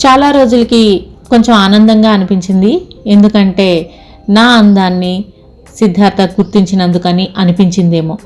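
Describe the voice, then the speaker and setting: A woman's voice: medium pitch, normal speed, a little mellow, faint music behind. A woman narrating an audio story in the first person, reading steadily and reflectively.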